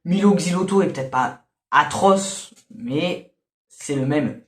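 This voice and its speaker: A man's voice: a little high, slow. Grumbling man reviewing albums in an echoey room. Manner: grumbling, hesitant, many fillers. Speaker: music reviewer. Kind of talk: casual review commentary.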